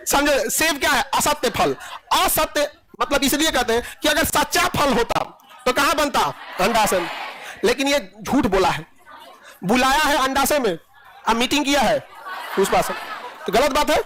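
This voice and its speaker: A man's voice: very high voice, lively intonation, a little slow, a crowd in the background, background noise. A man teaching a classroom biology lecture, joking and teasing his students and laughing often.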